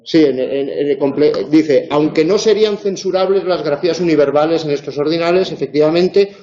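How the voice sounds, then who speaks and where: Male lecturer, chatty and wry with lots of fillers, mellow voice in an echoey room. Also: on the high side, a little fast. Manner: chatty, wry asides, many fillers and restarts. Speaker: university lecturer. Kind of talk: informal tutoring lecture. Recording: dull roomy classroom recording.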